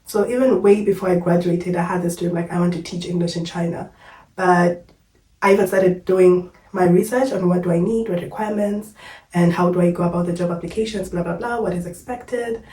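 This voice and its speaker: A young Kenyan woman vlogger tells her story to camera in a candid, chatty way, dropping fillers like "like" and "yo." She's unwell and a bit short of breath, speaking briskly with a fairly low, mellow voice and fairly even intonation. The audio is poor, with an echoey room and a distant mic.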